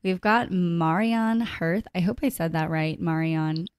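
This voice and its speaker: A woman's voice: on the low side, a little slow, clean tone, dry recording, clean studio sound. A woman hosting a podcast, chatting effusively and laughing often. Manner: warm, giggly, effusive. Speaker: podcast host. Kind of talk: casual interview chat.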